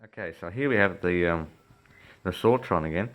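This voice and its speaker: Recorded on a phone aimed at his workbench, an electronics repair hobbyist gives a casual, unscripted walkthrough, thinking aloud in a hesitant, wandering way. He speaks in a low voice at a moderate pace.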